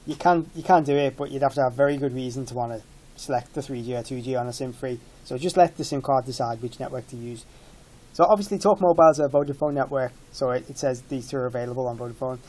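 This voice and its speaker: This product demonstrator, a man in his thirties, talks fast in a medium-pitched, darkish voice. He gives an informal, matter-of-fact explanation of a tech product.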